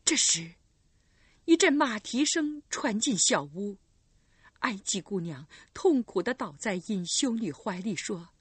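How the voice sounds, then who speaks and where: Casting: woman audiobook narrator, husky, dry close sound. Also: medium pitch, no echo. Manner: slow, expressive storytelling.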